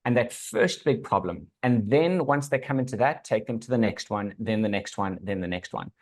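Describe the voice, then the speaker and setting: A man with a South African accent speaks in a fairly low voice. He sounds like an assured consultant on a podcast, explaining things conversationally and checking that the listener follows. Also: normal speed. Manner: assured, instructive, checks in with "right". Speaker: business consultant, podcast guest. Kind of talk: conversational advice.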